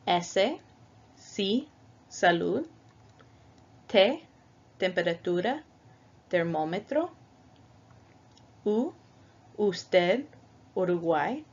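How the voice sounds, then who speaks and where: Slow, patient woman teaching a lesson. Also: lowish voice, very animated, slightly rough. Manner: patient, methodical, spells out each example. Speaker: Spanish teacher. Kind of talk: slow, careful language lesson. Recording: dull lo-fi recording.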